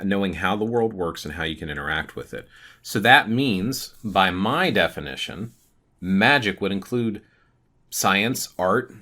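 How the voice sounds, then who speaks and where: A man with a very low but bright, forceful voice talks to the camera about his own ideas. He explains things thoughtfully, stopping often to gather his words. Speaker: channel host. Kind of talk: casual talk to camera.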